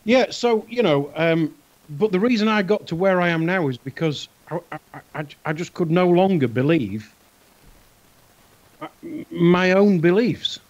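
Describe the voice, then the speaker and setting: Dull internet-call audio, British man, fairly high-pitched voice, casual conversational co-host. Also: expressive, unhurried. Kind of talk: casual chat.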